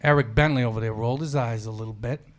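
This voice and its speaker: A fast-talking man in his forties with a medium-pitched voice hosts a sports podcast. He chats casually, telling stories in an opinionated, slangy way.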